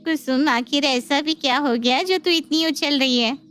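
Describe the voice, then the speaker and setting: A woman's voice: high-pitched, normal speed, a bit bright, soft background music. A woman voicing a middle-aged village woman with folksy speech and blunt opinions in a cartoon. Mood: advising. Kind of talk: cartoon voice acting.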